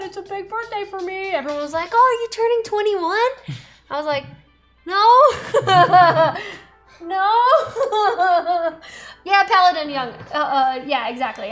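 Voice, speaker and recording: Painting at a table on a studio set, a stream host in her thirties keeps up relaxed chatter punctuated by frequent laughter. Her voice is very high and fairly bright.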